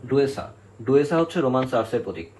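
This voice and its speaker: A man's voice: mid-range voice, expressive, fast, a little mellow, slight background noise, rough recording. A male literature teacher giving an exam-prep lecture, explaining step by step, counting syllables aloud and often checking in with his students.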